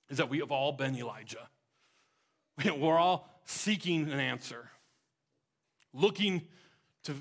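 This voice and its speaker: A man preaching a sermon, retelling scripture with dramatic swings from loud emphasis to hushed, near-whispered lines. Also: fairly high pitch, vocal fry.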